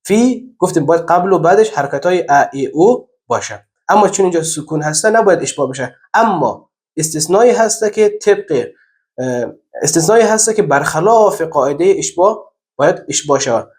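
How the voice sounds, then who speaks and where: Man, Quran reading teacher, recorded lesson, slightly high-pitched, slow drawn-out recited examples. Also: expressive, darkish tone. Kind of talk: recorded lesson, explaining step by step.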